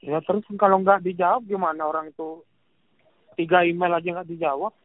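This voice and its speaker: Male caller, twenties, short plain replies, lightly raised pitch, dry telephone sound. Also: little pitch movement, a little fast, dry recording. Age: 20s. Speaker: customer calling a bank. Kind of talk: casual, terse phone complaint. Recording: tinny phone-line call recording.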